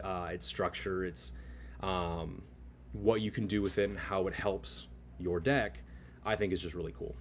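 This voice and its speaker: A man giving a casual, enthusiastic card review, gushing as he explains and leaning on key words for emphasis. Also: lowish voice. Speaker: card game content creator.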